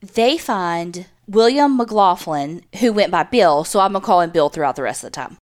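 A woman's voice: lowish voice, animated, moderate pace. A woman hosting a podcast, telling a true-crime story in a casual, conversational way. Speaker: podcast host.

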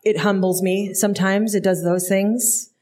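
A woman's voice: mid-range voice, steady tone, normal speed, a little mellow. A woman co-hosting a true crime podcast live in front of an audience, chatting casually, self-deprecating and often restarting her sentences. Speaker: podcast co-host. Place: brewery venue before a live audience.

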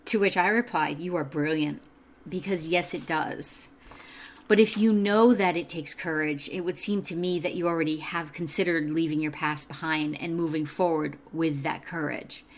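A woman with a fairly low voice reads her own self-help writing aloud. She is calm and measured, and her tone is earnest and reflective throughout. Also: a little hiss or hum.

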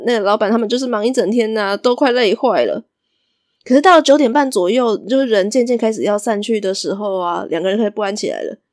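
A woman tells a story in a relaxed, chatty podcast style. She lifts her voice whenever she slips into the characters. The recording is dry and close, with no room sound at all. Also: dry recording. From Taiwan. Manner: lively, jumps into higher voices for quoted characters. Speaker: podcast host. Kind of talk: casual storytelling.

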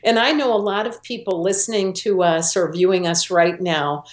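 A woman's voice: on the low side, steady tone, moderate pace. A middle-aged woman, a guest in an interview, telling a personal story earnestly and voicing the people she quotes. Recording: roomy echo.

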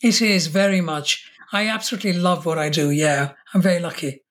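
A woman's voice: on the low side, a little fast. A woman, a podcast guest in a conversational interview, speaking reflectively with restarts and self-corrections. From India.

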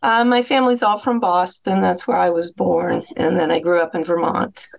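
A middle-aged woman from New England, a guest telling relaxed stories in a casual interview. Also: fairly low pitch, normal speed, creaky, highs cut off.

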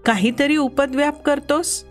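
A woman voicing a sharp-tongued but loving mother who scolds her son, in a storybook reading. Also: high voice, fairly even intonation, normal speed, faint music behind, voice pushed up, natural voice. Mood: scolding. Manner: scolding, exasperated. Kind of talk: storybook narration.

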